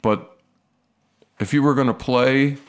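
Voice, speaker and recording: A man from the United States, a guest musician talking casually in an interview, relaxed and a little hesitant. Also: medium pitch, takes it slowly, smooth. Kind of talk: casual conversation.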